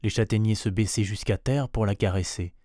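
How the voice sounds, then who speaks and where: A man reads a classic tale aloud, measured and expressive, slowing down on key phrases. His voice sits low, and the recording is dry, with no room sound. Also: no room sound. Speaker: narrator.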